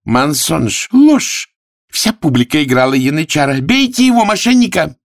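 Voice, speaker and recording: A man voicing a brash young woman who scolds a crowd in shrill cries. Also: sing-song, moderate pace. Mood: shrill scolding.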